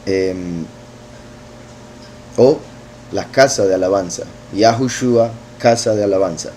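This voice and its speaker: Guy teaching scripture, slow and thinky, dark mellow voice, little ac hum. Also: lowish voice. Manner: unhurried, thinking aloud with fillers and tag questions. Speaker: bible teacher.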